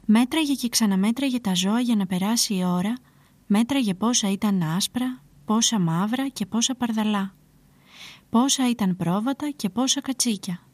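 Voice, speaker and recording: A woman telling a fairy tale in a calm, expressive scripted narration. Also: on the high side, no echo. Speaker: storyteller.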